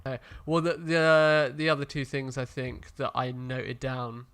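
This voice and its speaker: A man's voice: medium pitch, flat delivery, a little slow, a bit bright, smooth. A man co-hosting a film podcast, chatting casually and rambling with lots of fillers. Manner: rambling, hesitant, full of fillers. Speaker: podcast co-host. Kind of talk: casual chat.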